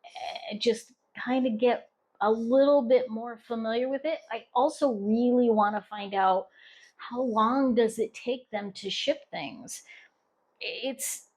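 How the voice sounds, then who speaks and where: A woman's voice: a little high, takes it slowly, a little mellow, slightly rough. Chatty, rambling middle-aged woman vlogger. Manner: chatty, rambling with restarts and fillers. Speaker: crochet vlogger. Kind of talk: casual chat.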